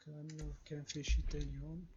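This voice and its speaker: A man's voice: on the high side, level tone, fast, muffled recording, background noise. A man commentating casually on a video game as he plays, reacting aloud to what happens. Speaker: gameplay commentator.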